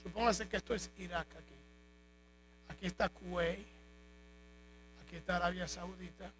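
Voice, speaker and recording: A man preaching a sermon in a church, telling jokes and stories in a lively way. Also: sits high, normal speed. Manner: animated, joking storytelling. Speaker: pastor. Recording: faint mains hum.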